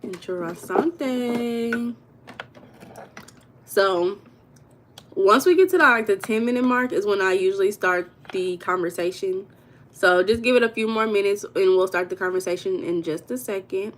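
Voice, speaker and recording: A woman's voice: mid-range voice, unhurried, a little hiss or hum. An American woman hosting a casual livestream, chatting with her viewers and reading their comments aloud. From United States. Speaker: livestream host.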